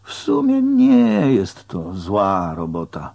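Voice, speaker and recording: A man voicing a worldly adult female stripper in an audiobook, speaking in a sassy, knowing way, high above his own voice. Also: wildly swooping pitch, slow, creaky, dark tone, heavily acted.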